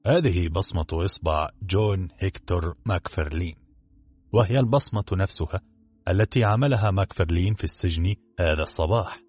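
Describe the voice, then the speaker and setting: A man voicing a boastful, self-satisfied police inspector in a storybook reading, with a husky voice. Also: deep voice, fairly quick, darkish tone. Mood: smug. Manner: smug, overconfident.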